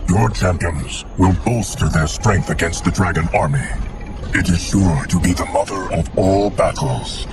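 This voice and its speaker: An actor playing an ancient, loyal steward of time in a video game, speaking in a measured, formal, solemn way. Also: male voice, low-pitched, background noise. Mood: calm, grave. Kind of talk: video game cinematic acting. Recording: music behind the voice. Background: music.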